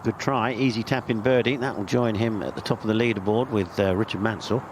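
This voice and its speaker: A man commentates on live golf in a fairly low voice. He talks conversationally, as a golf commentator does, over clearly audible outdoor background noise. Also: steady tone, fairly quick. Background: outdoor ambience.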